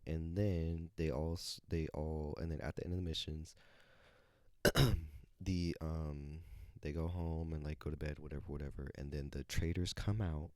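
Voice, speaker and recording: A man's voice: a bass voice, fairly even intonation, moderate pace, a little mellow, no room sound, clean studio sound. A man hosting his own podcast, rambling casually with lots of fillers, swearing and self-corrections. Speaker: podcast host. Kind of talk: casual solo podcast chat.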